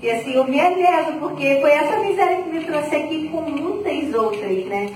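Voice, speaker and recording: Brief: high-voiced young woman, animated testimony, recorded far off. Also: moderate pace. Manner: lively, chatty, acts out her own past reactions. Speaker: community member giving testimony. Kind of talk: personal faith testimony talk. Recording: very echoey, from far off, faint noise.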